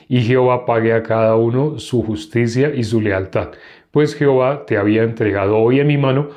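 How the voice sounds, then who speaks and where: A man reading the part of David, a young warrior pleading with a king, in a slow, measured, earnest way. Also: mid-range voice, a little mellow, natural voice.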